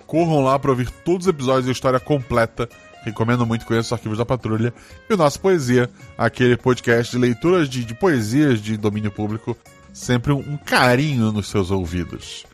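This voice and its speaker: A man's voice: medium pitch, expressive, fairly quick, faint music behind. A man with a Brazilian accent hosting a story game podcast, narrating as game master.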